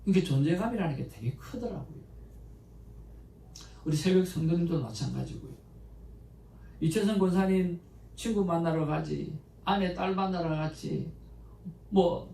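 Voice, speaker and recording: Korean pastor guy preaching sunday sermon, gravelly voice, kinda far from the mic, faint hiss. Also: sits high. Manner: conversational, anecdotal preaching with animated emotional quotes. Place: church sanctuary. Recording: echoey church room, mic at a distance, faint background noise.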